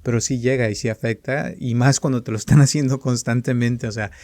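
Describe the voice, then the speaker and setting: A man's voice: medium pitch, steady tone, a little fast, a little mellow, dry recording. Male co-host, thoughtful easy delivery, dead-dry close mic. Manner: reflective, light laughter, quotes others playfully. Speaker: podcast co-host. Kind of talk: casual conversational podcast chat. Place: lives in the United States.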